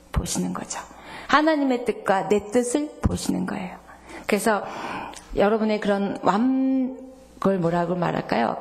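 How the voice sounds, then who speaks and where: A woman pastor preaching a sermon, lively, acting out God's voice and dropping to whispers for emphasis. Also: medium pitch. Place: church sanctuary.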